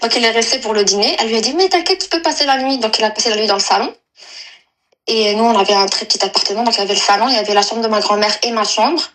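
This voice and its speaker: Caller, woman in her twenties from Algeria, higher-pitched voice, halting delivery with restarts. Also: fairly bright tone, low-quality recording. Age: 20s. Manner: hesitant, halting, many fillers and restarts. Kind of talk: personal confession on a live call.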